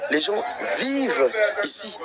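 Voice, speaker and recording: A man's voice: sits high, very animated, slow, over a noisy crowd. A man out of breath, walking residential streets outdoors and talking to his livestream viewers in an exasperated, repetitive way. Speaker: livestream vlogger.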